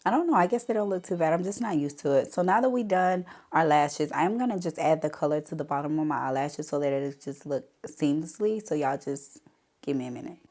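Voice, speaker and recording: Getting over a cold, a beauty vlogger with a notably low, darkish voice talks through a makeup tutorial in a loose, chatty way, addressing viewers directly. She speaks a little fast, and her voice sounds stuffy and congested.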